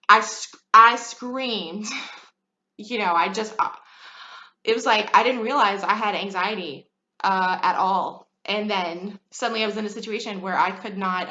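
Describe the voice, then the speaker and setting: A woman's voice: mid-range voice, pushed and bright. A woman in her thirties talking frankly about her own life, chatty and full of fillers. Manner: chatty and frank, many fillers, laughs often. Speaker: podcast host. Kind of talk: candid personal talk. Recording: echoey room, slightly dull sound.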